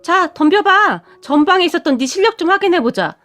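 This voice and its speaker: A woman's voice: very high voice, animated, fairly quick, fairly bright tone, voice pushed up. A woman playing a fierce young wife who talks bluntly and mockingly. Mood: scornful taunting. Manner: scornful, taunting.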